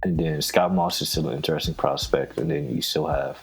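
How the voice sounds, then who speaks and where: A man co-hosting a podcast, chatting casually and excitedly about his team, bragging with frequent laughs. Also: a bass voice, a little fast, gravelly, husky, soft background music, rough recording. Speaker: podcast co-host. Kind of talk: casual sports chat.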